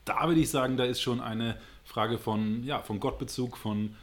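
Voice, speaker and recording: Speaking at a moderate pace in a mid-range voice, a man from Hamburg with a northern German accent responds to an interviewer's questions. He is earnest and thoughtful, feeling his way toward the right words.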